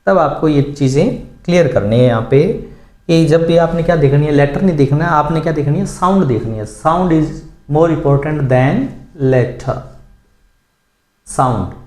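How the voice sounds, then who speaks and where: A man's voice: fairly high pitch, measured pace, a little mellow. A man teaching a grammar lesson in a somewhat raised voice. He explains step by step, repeats the key words and stops to ask learners questions. The sound is roomy and echoey. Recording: echoey room.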